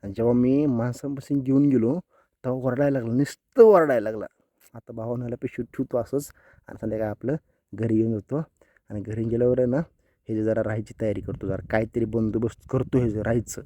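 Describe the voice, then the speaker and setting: A young man, vlogging casually outdoors on a farm, talking excitedly to his viewers as brothers. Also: mid-range voice, fast talker, no room sound.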